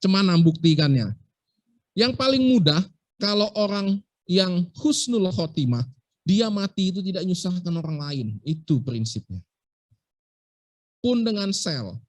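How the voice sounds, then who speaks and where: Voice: mid-range voice, animated, measured pace, pauses often, no room sound. Playful lecturer, dry close sound. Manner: playful, asks rhetorical questions. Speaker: medical school lecturer. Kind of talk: casual lecture.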